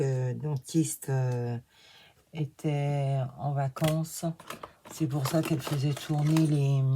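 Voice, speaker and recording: Low-voiced lisping woman, slow and mellow. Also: background noise. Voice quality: slight lisp, slushy s sounds from new dentures. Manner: rambling, talking to herself as she works. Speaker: craft vlogger filming herself. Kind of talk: casual chat while crafting.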